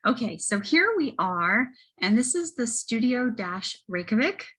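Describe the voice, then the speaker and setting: A woman giving a casual, halting product testimonial as a host, often correcting herself as she goes. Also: on the high side, very animated, fairly bright tone, breathy edge. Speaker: host presenting wellness products. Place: library children's area. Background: children and banging in background.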